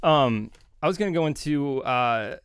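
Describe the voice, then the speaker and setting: Smooth-voiced joking podcast co-host man. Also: mid-range voice, expressive, normal speed, no room sound. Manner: jokey, chuckles between remarks. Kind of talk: casual chat.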